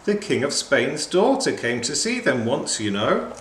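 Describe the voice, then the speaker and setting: A man's voice: mid-range voice, big pitch swings, unhurried, a bit bright, reverberant, slight background noise, pitched above the performer's own voice. A man voicing a fussy, kindly female witch in a storybook reading. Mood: hurt.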